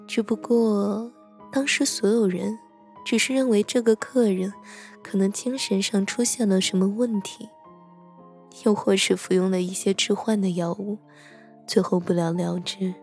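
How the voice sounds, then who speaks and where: In an audio drama of soft storytelling, a woman acts as hotel staff spinning a ghost story for a horror writer, with soft music behind her. Her medium-pitched voice stays steady and close to everyday speech, and the mood is eerie. She's gentle and teasing, hushing and slowing at the spooky parts.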